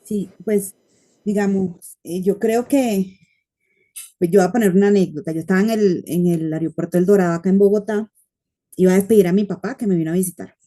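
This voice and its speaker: A woman's voice: mid-range voice, steady tone, a little fast, mellow. A woman speaking as a panelist, earnest and anecdotal, often using fillers. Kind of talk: panel discussion talk.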